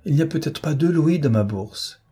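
A man reading a storybook, voicing a vain, languid young rich woman in an affected, weary, condescending manner with a husky voice. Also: on the high side, lively intonation, moderate pace, dark tone, pitched above the performer's own voice.

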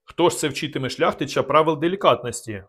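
A man's voice: a little high, fast, fairly bright tone, voice pushed up. An arrogant bullying nobleman who speaks haughtily through gritted teeth, done by a man reading aloud. His voice stays close to the narrator's own. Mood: haughty. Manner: haughty, hissing.

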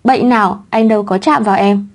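A woman's voice: medium pitch, fast, lightly acted. A woman voicing a teasing, clingy young husband in a read-aloud story, in her own plain voice.

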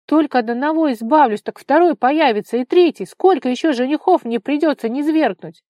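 A woman voicing a hurt, stubborn, hot-tempered young woman in an audiobook, crying out sharply with her voice rising high. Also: moderate pace, no echo, lightly acted. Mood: furious shouting.

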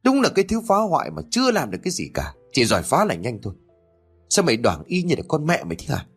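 A man voicing a harsh, nagging old grandmother who scolds rapidly, in an audio story. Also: medium pitch, very animated, husky, faint music behind. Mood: scolding.

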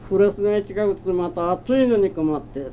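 An elderly man from Japan telling his life story as an oral history interviewee, in a rambling, halting way with old-fashioned rustic speech. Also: sits high. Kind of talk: reminiscing in a personal narrative. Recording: muffled, dull old tape with faint hiss. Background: faint background noise.

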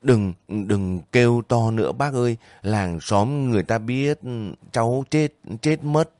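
A man's voice: medium pitch, measured pace, a little mellow, no room sound, clean studio sound, lightly acted. A man voicing a young soldier on leave who pleads and questions anxiously in a spoken story. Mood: faint. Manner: anxious, breaking voice.

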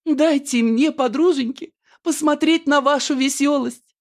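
A male reader voices a young peasant woman in a village stage melodrama, speaking slowly in a shrill, sing-song way. The tone is theatrically lamenting and tearful.

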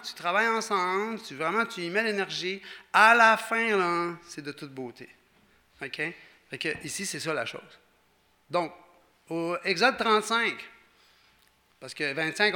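Quebec french pastor guy, high bright voice, chatty lively sermon. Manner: animated, conversational, acts out quoted speakers.

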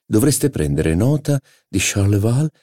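A man's voice: lowish voice, big pitch swings, a little slow, mellow, pitched above the performer's own voice. A man reading an audiobook, voicing a haughty, insolent aristocratic duchess with a drawling, incredulous, mocking manner. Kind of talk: audiobook character voice.

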